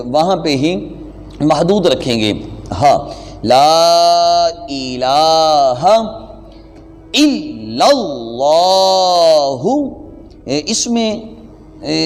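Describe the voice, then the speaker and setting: A man teaching a recitation lesson online, explaining each sound with calm patience and a mid-range voice. He draws the recited phrases out very slowly and carefully. His voice rings in a long, hall-like reverb. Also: mid-range voice. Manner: patient, explains pronunciation step by step with slow drawn-out recitation. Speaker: religious teacher.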